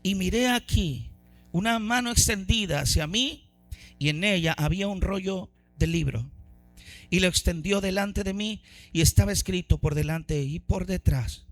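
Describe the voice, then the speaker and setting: A man preaching a sermon as pastor, fervent, swinging between loud exclamations and soft low asides. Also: moderate pace.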